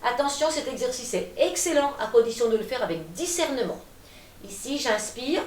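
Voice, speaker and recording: A high-voiced woman leads a gentle gym class. She calmly cues each inhale and exhale while demonstrating the moves. Her voice sounds echoey and a bit distant from the mic. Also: moderate pace. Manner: calm, cueing breaths, demonstrating as she talks. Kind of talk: guided exercise class.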